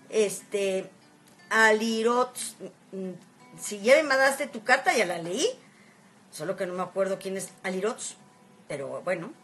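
A woman's voice: medium pitch, a bit bright. A woman chatting casually on a phone live-stream, reading viewer comments aloud and greeting viewers by name. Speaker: Instagram live host.

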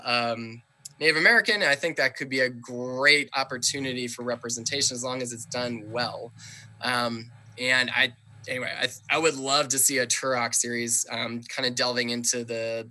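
Male podcast guest; very bright tone, eager conversational delivery with frequent ums. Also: mid-range voice. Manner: enthusiastic, chatty, many fillers. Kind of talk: casual conversation.

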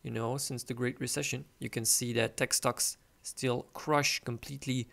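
A man's voice: mid-range voice, flat delivery, moderate pace, vocal fry, a bit bright. A man with a tired morning voice, hosting a finance video and talking through market charts in a casual, hesitant way. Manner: hesitant, many uh fillers, non-native phrasing. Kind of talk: casual market commentary over screen share.

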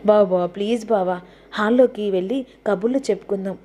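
A woman's voice: mid-range voice, fast, mellow, slight background noise, natural voice. A woman voicing a scheming young woman who coaxes and pushes to get her way. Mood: coaxing. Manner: coaxing, pushy.

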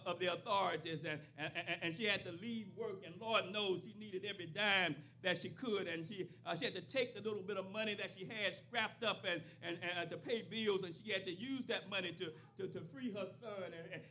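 A man's voice: high voice, pushed and bright. An older man preaching a sermon at a church pulpit into a stand microphone, building into a rising, repeated cadence. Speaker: pastor.

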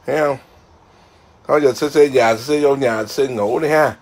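A man's voice: mid-range voice, normal speed. A man, a Buddhist monk, chatting casually outdoors in his garden and keeps asking his viewers whether they see. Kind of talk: casual home vlog.

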